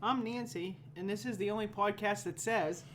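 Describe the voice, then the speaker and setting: A woman's voice: medium pitch, normal speed, slight background noise. A woman in her fifties co-hosting a podcast in casual chat, teasing and laughing often. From Pittsburgh area. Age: 50s. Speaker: podcast co-host.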